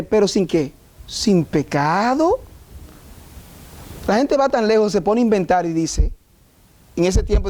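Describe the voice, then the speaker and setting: Man, pastor, high voice, emphatic sermon delivery. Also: darkish tone. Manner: emphatic, rhetorical questions, mock voices of objectors.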